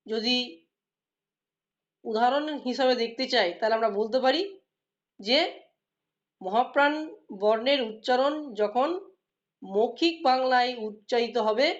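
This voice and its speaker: A woman teacher leads a classroom lesson, explaining patiently and quizzing her students as she goes. Her voice sits a little high. The recording is dull and lo-fi. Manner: explains patiently, asks students questions and praises answers.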